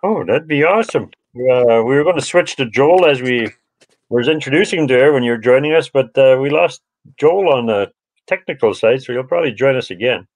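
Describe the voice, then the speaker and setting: A man hosting a live online show, speaking in a friendly, halting way full of fillers. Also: mid-range voice, no room sound, rough recording. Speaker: host.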